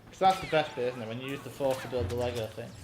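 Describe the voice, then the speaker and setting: A man's voice: mid-range voice, very fast. Dry-witted man, Northern English accent. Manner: dry, teasing questions. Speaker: co-host watching the game. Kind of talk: casual gameplay chat. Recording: echoey room with faint noise.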